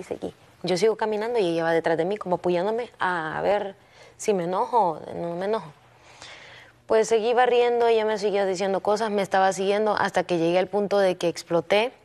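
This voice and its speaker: A young woman, a contestant, telling her teacher a personal story in a soft, hesitant way, often stopping and restarting her sentences. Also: medium pitch, brisk. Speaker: singing competition contestant.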